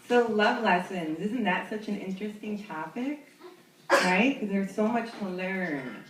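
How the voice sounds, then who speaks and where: On a comedy club stage, a young New York woman with a mid-range voice tells a rambling, self-mocking story, chatting along and laughing at her own punchlines. The mic is some distance away, so the room echoes around her amid background noise.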